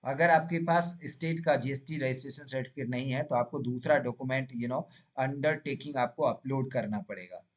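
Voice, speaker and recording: A channel host, an Indian man with a medium-pitched voice, explains things step by step in an informal, instructional way. He mixes Hindi with English terms and keeps checking that listeners follow with quick tags like "right?" and "okay?". He talks at a normal speed with few pauses, and the recording sounds muffled.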